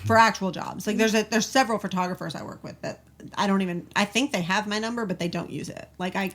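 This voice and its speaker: A young woman from Alabama, a makeup artist guesting on a podcast, chatting in a lively, laughing way. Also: mid-range voice, fast talker. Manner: chatty and animated, frequent laughs. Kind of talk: casual chat.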